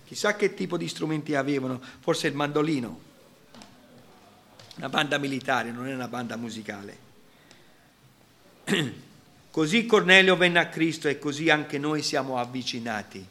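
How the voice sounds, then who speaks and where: A man preaching a sermon, emphatic, swinging between loud exclamations and quiet, low asides. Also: normal speed, pauses often, slight background noise.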